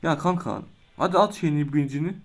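A young man with a fairly high voice talks through a match as he plays. He is quick to lose his temper, groaning and cursing at his opponent between quick remarks about his moves. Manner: hot-tempered, swears and groans in frustration. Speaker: gaming video creator. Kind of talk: casual live commentary while playing a game.

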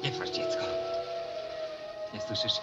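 A man's voice: very high-pitched, huge pitch swings, slow, exaggerated voice. An actor playing a delirious young male composer lost in the sewers, speaking in a dreamy murmur and whisper, in a 1950s film. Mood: entranced. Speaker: soldier and composer. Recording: muffled old film soundtrack with music.

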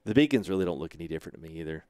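A man in his thirties hosts a casual gameplay livestream from his home sim rig, speaking through a headset mic in a low, darkish voice that's animated and racing. He's laid-back and chatty, laughing often, greeting viewers and reading chat aloud. The sound is clean studio quality with no echo.

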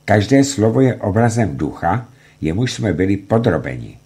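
A man reading a documentary book aloud in a measured, expressive way. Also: fairly low pitch, breathy edge. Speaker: reader.

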